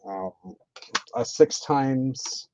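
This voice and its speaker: A man chatting casually on a live stream while building, thinking aloud with many pauses and fillers. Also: medium pitch, warm tone, no echo. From Canada. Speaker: streamer building with toy bricks. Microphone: computer mic on live stream. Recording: dull lo-fi stream audio.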